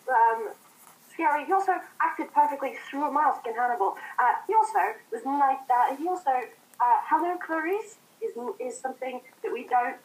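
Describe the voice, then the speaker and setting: A woman with a high, bright-sounding voice argues her side in a friendly debate. She talks with eager enthusiasm, rambling and filling gaps with ums. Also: poor audio. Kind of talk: casual debate podcast.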